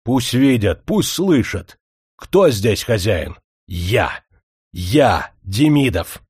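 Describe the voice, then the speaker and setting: A man playing a domineering shouting prince. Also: on the low side, big pitch swings, very slow, slightly rough, no echo, clean studio sound, full character voice. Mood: furious. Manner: shouting, threatening. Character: domineering wealthy husband, a prince.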